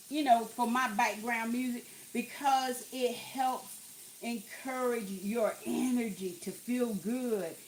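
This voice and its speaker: A woman's voice: sits high, fairly bright tone, a little hiss or hum. A woman chatting casually to her viewers while cooking in her home kitchen. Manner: chatty, talks to viewers as "y'all", exclaims over the food. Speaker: cooking vlogger.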